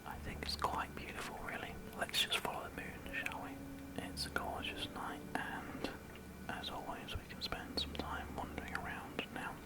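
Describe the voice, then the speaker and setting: A British man whispering breathily in an ASMR gaming commentary, softly repeating phrases as he goes. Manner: soft, slow repetition of phrases. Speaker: gaming video host.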